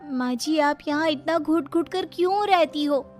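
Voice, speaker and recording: High-pitched, defiant young daughter-in-law, played by a woman. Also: unhurried, faint music behind. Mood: earnest protest. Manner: indignant, challenging, outspoken.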